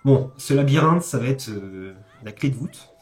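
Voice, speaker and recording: With a medium-pitched, darkish, expressive voice at normal speed, a game commentator and host talks through a speedrun casually. Background music runs underneath as he hesitates, fixes his own wording, and adds offhand remarks.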